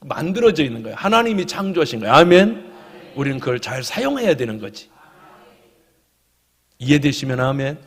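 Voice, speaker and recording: Pastor in his 50s, emotive sermon delivery from whisper to shout, long church-hall reverb. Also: mid-range voice, sing-song, a little fast, long pauses, slightly rough. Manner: emotive, swings from hushed whispers to loud exclamations. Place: church sanctuary.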